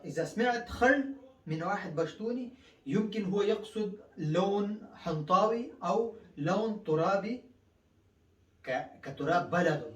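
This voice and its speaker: A language teacher from Afghanistan, a native Pashto speaker, gives a casual spoken lesson in an echoey room. His voice is a little high and sounds far from the mic. He explains slowly, with many drawn-out fillers and repetitions.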